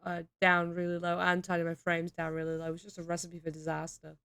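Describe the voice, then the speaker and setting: A woman chatting casually and reacting in an informal, expressive way as someone being taught. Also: lowish voice, a little fast, creaky, clear, resonant tone. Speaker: learner responding to an explanation. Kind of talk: casual chat.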